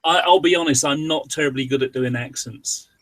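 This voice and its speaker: A man's voice: mid-range voice, brisk, fairly bright tone. A British man guesting on a podcast, chatting casually and rambling off on tangents. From Britain.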